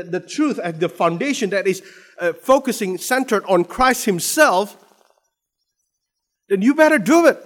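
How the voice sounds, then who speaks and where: With long hall reverb around him, a high-voiced Indonesian man delivers a sermon in an Indonesian accent. His speech is full of restarts and repeated words as it builds toward emphatic stress.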